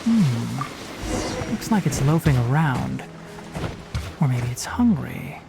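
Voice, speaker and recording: A young man voicing a calm, scholarly forest ranger in a video game, speaking in a measured, instructive way. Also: mid-range voice, gravelly, music in the background, full character voice. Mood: thoughtful.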